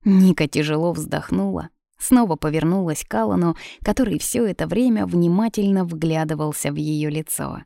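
A woman narrating an audiobook in a calm, even storytelling manner. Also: lowish voice, normal speed, gravelly, few pauses, dry recording, studio quality. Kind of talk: scripted narration.

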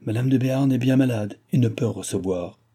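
A man's voice: mid-range voice, fairly quick, warm tone, breathy edge, natural voice. A man voicing a flustered innkeeper woman calling out in alarm.

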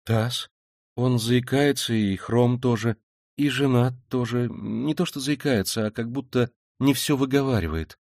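A man reading an audiobook, voicing a timid, pious young woman who talks in a hurried, pleading way. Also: medium pitch, darkish tone, no echo, clean studio sound, pitched above the performer's own voice, close to an everyday voice. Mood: earnest. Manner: hurried, breathless, rising into agitated pleading.

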